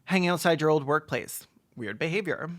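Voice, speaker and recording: A video essay host delivers sarcastic comedic commentary, landing deadpan, mock-serious jokes. His voice sits at a medium pitch and moves fairly quickly.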